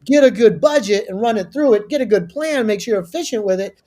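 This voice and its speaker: A man's voice: high-pitched, expressive, fast, warm tone. A male guest on a business talk show who gives advice with energy and emphasis, often restarting his sentences.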